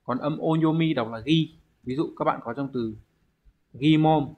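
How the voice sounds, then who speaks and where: A man's voice: medium pitch, normal speed, narrow, tinny audio. A man teaching an online exam-prep language lesson, explaining step by step and posing rhetorical questions to his students.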